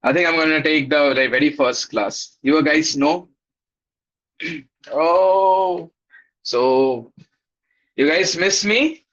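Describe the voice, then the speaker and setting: A male teacher with an Indian accent speaks in a fairly high voice through slightly dull, lo-fi audio. He runs a live online class for children, casually greeting and checking in with them in an upbeat, encouraging manner. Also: slow, pauses often, a bit bright.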